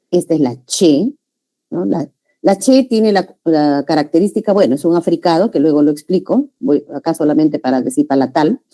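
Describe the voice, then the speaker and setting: A woman gives a classroom lecture in a warm, mellow, rather low voice. She explains step by step, slows down to spell out individual sounds, and keeps checking in with the class through short tag questions. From Peru. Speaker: teacher.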